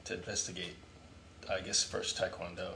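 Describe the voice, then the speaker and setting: A man's voice: low-pitched, flat delivery, normal speed, gravelly, sharp tone. A man interviewing a guest in a casual, rambling way, full of fillers. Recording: faint background noise.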